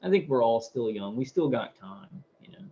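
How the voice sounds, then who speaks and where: A man's voice: mid-range voice, big pitch swings, moderate pace, background noise. Rambling man on a lo-fi live stream. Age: 30s. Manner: rambling, repeats words, many fillers. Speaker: live stream host reading viewer comments. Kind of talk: casual live-stream chat. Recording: dull lo-fi audio.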